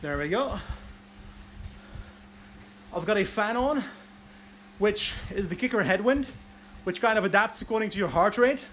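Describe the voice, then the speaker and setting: Guy livestreaming from his indoor bike, talking over the pedaling, kinda high voice, casual. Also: animated, unhurried, pauses often, fairly bright tone, slight background noise. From Belgium. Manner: chatty, answers viewer questions from chat, laughs at himself. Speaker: livestream host. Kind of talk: casual livestream chat while riding an indoor bike trainer. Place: warm indoor room with a bike trainer and fan.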